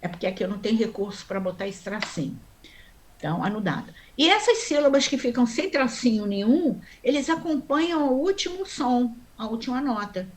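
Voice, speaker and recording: A woman's voice: on the high side, animated. A woman teaching a Sanskrit class online, explaining step by step and often checking in with her students. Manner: chants mantra syllables slowly.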